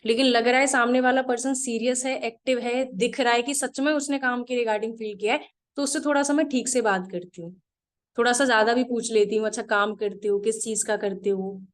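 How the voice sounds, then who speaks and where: A woman with a fairly high voice leads a live online class as the trainer. She talks in a direct, practical way and goes over her points one by one, repeating them slowly for students taking notes.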